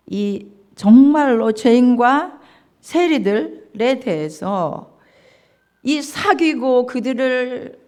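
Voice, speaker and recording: A woman's voice: on the high side, a little mellow. A woman pastor preaching a sermon, acting out dialogue and putting questions to the congregation.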